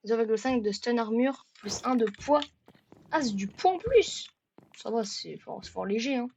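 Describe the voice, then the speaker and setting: A woman's voice: on the high side, lively intonation, moderate pace, gravelly, highs cut off, slight background noise. Jokey, stammering woman gamer. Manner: jokey, stammers and repeats words; bursts into shouting at the game. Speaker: gaming video creator. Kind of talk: let's-play commentary.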